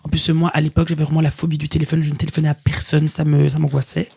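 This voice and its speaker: A woman's voice: sits low, little pitch movement, rapid-fire, vocal fry, warm tone, slightly rough. A woman guest on a podcast, telling a personal story in a frank, chatty way with plenty of fillers. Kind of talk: casual chat, personal storytelling.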